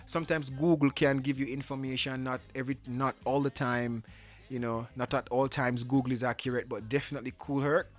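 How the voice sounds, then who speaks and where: A man's voice: medium pitch, fairly even intonation, a little fast, soft background music. A Jamaican man hosting a live stream, chatting casually in a loose conversational way and slipping in Patois phrases. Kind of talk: casual chat sharing fun facts.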